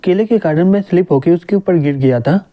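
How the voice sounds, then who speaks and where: A man reading the lines of a flustered young male hero in a manga recap, in a fairly high, very mellow voice. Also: a little fast, lightly acted.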